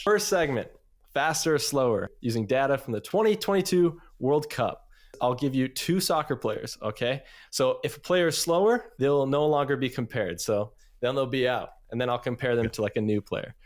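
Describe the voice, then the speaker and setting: A young man hosting a podcast, introducing guests and segments in an upbeat, slightly rambling way. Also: mid-range voice. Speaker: podcast host.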